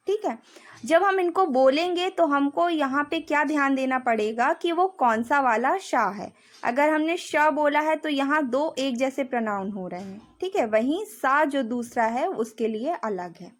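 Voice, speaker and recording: A woman's voice: high voice, animated. A young adult woman teaching a grammar lesson, explaining step by step, sounding out letters and checking in with the class often. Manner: explains slowly, demonstrates sounds, repeats "ठीक है" often.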